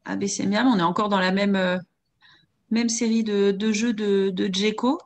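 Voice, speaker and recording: A woman's voice: mid-range voice, fairly even intonation, normal speed. A woman moderating an online webinar, relaying audience questions and handing over to her co-presenters on a video call.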